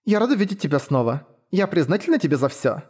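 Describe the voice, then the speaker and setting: A man raises his voice into a gentle young noblewoman priestess for a fantasy audiobook, very polite and formal. Her speech climbs high and swings wildly as she panics. She stays ceremonious even when upset. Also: fast talker, slightly rough.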